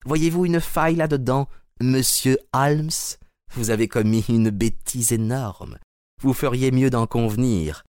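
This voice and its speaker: A man's voice: mid-range voice, a little slow, darkish tone, clear, resonant tone, no room sound, close to an everyday voice. An actor playing a hostile, sarcastic man who taunts and blusters, in a dry studio recording. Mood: mocking. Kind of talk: audio drama acting.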